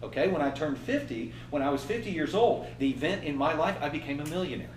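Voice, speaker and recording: Brief: lively man in his fifties, trainer leading a workshop, echoey room, mic a bit distant. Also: a little high, fast talker, a little hiss or hum. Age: 50s. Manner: animated, acts out inner voices and laughs. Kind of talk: motivational workshop talk.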